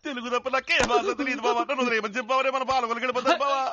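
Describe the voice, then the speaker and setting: A man's voice: very high voice, flat delivery, racing, pushed and bright. A man dubbing a timid, talkative village man in a comedy film, pleading and rambling. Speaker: dubbing actor. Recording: dull film audio with music.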